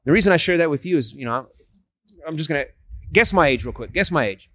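A street evangelist in his forties shares his faith with a stranger in a casual conversation, earnest and persuasive, with frequent restarts. His voice is fairly high and fairly bright, with lively intonation, and he talks fast.

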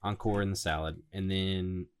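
A man's voice: low-pitched, fairly even intonation, normal speed, smooth. A man talking casually as a panelist on a podcast about his study plans.

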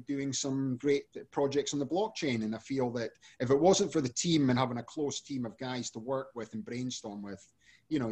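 Husky man chatting loosely as a guest. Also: mid-range voice. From Scotland. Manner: loose and chatty, many fillers and restarts. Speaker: podcast guest, energy company CEO. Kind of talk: casual interview answers.

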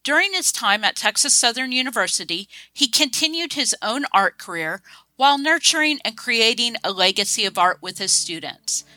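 A woman giving scripted documentary narration in a measured, even manner. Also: a little high, no echo, rough recording. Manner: measured, reads quotes aloud. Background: music.

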